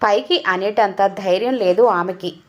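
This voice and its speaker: A woman storyteller reading a story in a steady, expressive way. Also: medium pitch, moderate pace. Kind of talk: scripted story narration.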